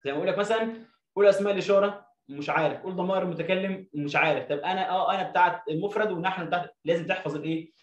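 A high-pitched man with an Egyptian Arabic accent explains an English lesson to young pupils, reading sentences slowly word by word and answering his own questions. The sound is roomy and lo-fi.

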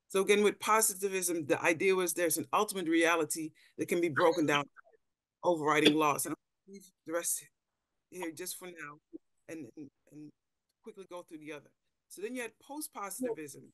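This is a middle-aged anthropologist from the Netherlands, a panelist giving a considered lecture with slides over a video call in an indoor room. She tends to repeat words while looking for phrasing. Her voice is on the low side and slightly bright, with no echo.

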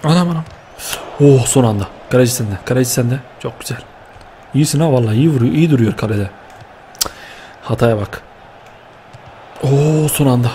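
A young man giving lively, excitable commentary while playing a football video game, cheering and scolding his players with slang. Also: medium pitch, moderate pace, pauses often, slight background noise. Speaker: gaming YouTuber.

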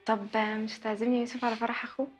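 A woman's voice: fairly high pitch, flat delivery, rapid-fire, soft background music, close to an everyday voice. An actress with an Egyptian accent playing a young woman who presses her boyfriend with questions. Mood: pleading. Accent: Egyptian Arabic. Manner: pleading, questioning. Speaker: actress in a TV drama series. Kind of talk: TV drama acting.

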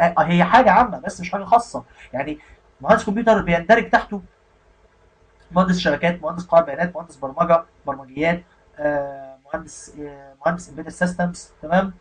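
Male instructor, Egyptian Arabic accent, breathy and very fast, casual lesson style with frequent check-ins. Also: high-pitched, poor audio. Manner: keeps checking in with the listener. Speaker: IT career instructor.

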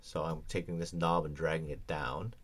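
A man's voice: extremely low pitch, little pitch movement, normal speed, fairly bright tone. A man teaching audio editing in a screencast tutorial, explaining in a casual way with many ums and restarts. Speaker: audio production instructor.

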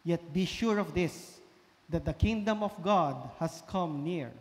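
A man serving as priest, reading the gospel at Mass in a measured, solemn way, his voice carrying a cathedral echo. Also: a little high. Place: large church. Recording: long church reverb.

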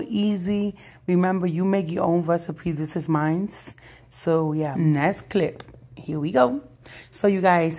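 A woman with a raspy, hoarse voice that is giving out, chatting casually and encouragingly to viewers as a budget cooking vlogger. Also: fairly low pitch, a little mellow. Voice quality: raspy, husky, breaking voice. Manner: addresses viewers familiarly, encouraging. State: losing her voice, hoarse. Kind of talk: casual chat to viewers over cooking demonstration. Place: home kitchen.

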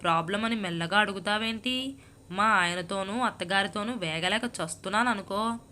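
A woman's voice: mid-range voice, moderate pace, sharp tone, a little hiss or hum, close to an everyday voice. A woman voicing a young married woman who is melodramatic, self-pitying and hooked on TV serials, in a storybook reading. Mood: complaining. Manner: sighing scoffs, self-pitying, complaining.

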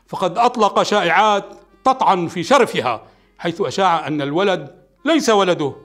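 An older man in his sixties tells a folk epic as an Arabic café storyteller. His voice sits quite high for a man, and his delivery is formal and declamatory. Soft music plays behind him. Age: 60s. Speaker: storyteller (hakawati). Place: indoor studio set. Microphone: lapel.

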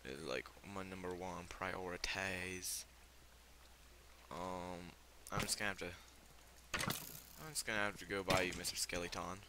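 A man's voice: low voice, steady tone, unhurried, pauses often, background noise. A teenage boy with a fever giving casual, rambling commentary on his game, full of fillers and startled reactions. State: sick with fever. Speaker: gamer.

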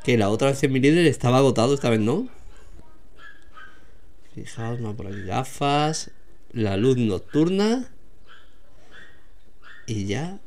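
A man casually walking through a supermarket aisle, pointing out products to his viewers. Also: medium pitch. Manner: chatty, pointing things out to viewers. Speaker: vlogger showing store products. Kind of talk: casual walkthrough narration.

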